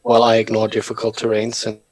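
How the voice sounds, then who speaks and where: A man's voice: on the low side, completely flat delivery, fast talker. A man playing a tabletop game, carefully checking the rules with small restarts. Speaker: player. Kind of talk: casual chat at a tabletop game.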